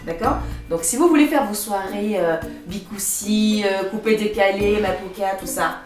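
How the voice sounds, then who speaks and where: A woman's voice: medium pitch, moderate pace, darkish tone, reverberant, recorded from a distance, soft background music, natural voice. An actress playing a prim, fussy young woman who lectures her new roommate about noise and manners. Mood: lecturing. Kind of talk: web series acting.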